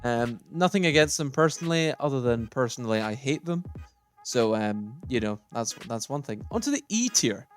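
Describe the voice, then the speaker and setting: A man talks through a tier list in a loose, casual way, stating his likes and dislikes bluntly and thinking aloud as he moves things around. His voice sits at an ordinary middle pitch. Faint music plays underneath. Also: lively intonation, normal speed. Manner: opinionated, thinking aloud while sorting. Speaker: gaming YouTuber.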